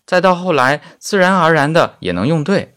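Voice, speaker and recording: A man whose native language is Chinese teaches German grammar in a scripted audio lesson, his voice fairly high, fairly bright and very animated. He's didactic but conversational, using conversational particles and casual asides and saying his example sentences slowly and carefully.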